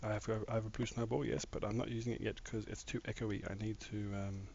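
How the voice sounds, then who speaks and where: A fast-talking man with a lowish, gravelly, slightly mellow voice and flat delivery chats casually with viewers as he plays a game live from a room at home. His accent is somewhat mixed Australian, and he rambles while building. The mic sounds dull and lo-fi, with faint noise.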